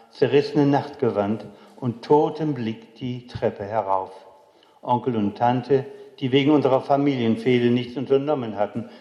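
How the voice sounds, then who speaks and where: Older guy telling his life story slow and serious, long reverb, kinda muffled. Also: mid-range voice, dark tone. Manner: slow, solemn and reflective. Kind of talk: memoir storytelling. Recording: dull, echoey hall recording.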